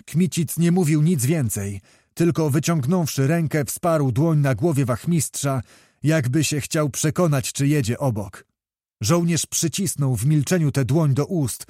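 A man's voice: on the high side, measured pace, dark tone, dry recording. Man narrating an audiobook, dry close sound. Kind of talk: historical novel audiobook reading.

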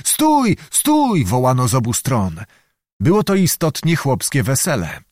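Expressive male audiobook narrator. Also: medium pitch, moderate pace, dry recording, studio quality. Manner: expressive storytelling.

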